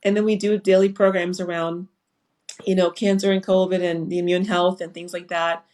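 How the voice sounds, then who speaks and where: A woman's voice: lowish voice, little pitch movement, moderate pace, a little mellow. A woman from Liberia, speaking as a panel guest on a video call in an earnest, reflective way with frequent fillers. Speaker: foundation founder and panel guest. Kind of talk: casual panel talk on a live webinar.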